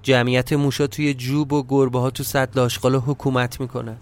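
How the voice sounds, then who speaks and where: A man's voice: medium pitch, little pitch movement. Man narrating a brooding audio story. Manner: brooding, tense inner monologue. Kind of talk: dramatic first-person audio-story narration.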